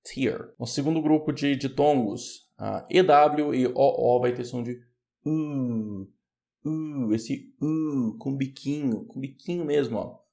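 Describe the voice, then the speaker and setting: A man with a Brazilian Portuguese accent teaching English pronunciation, patiently explaining and repeating words slowly. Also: medium pitch, gravelly, dark tone. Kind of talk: online pronunciation lesson.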